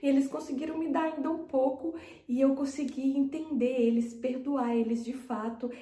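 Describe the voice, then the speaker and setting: Earnest Brazilian woman, high voice. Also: fairly even intonation, moderate pace, warm tone. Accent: Brazilian Portuguese. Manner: earnest, heartfelt storytelling. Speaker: faith vlogger. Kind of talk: personal faith testimony. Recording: roomy echo.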